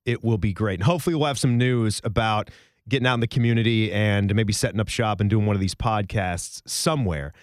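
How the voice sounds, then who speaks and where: A man's voice: fairly low pitch, brisk, no room sound. A man hosting a casual college basketball podcast, chatty and jokey, recorded in a station studio. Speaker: podcast host. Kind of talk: casual sports podcast chat.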